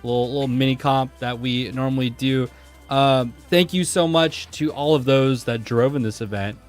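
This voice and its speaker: A man hosting a sim racing drift competition livestream, chatting casually and switching into excited play-by-play commentary, with faint music behind him. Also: mid-range voice, normal speed. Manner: chatty, laid-back, bursts into hype play-by-play.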